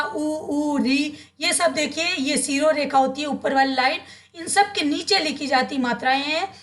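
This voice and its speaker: A high-voiced woman explaining grammar as a teacher. She asks her students questions, answers them herself and repeats the key terms so they stick. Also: a bit bright. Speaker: Hindi teacher.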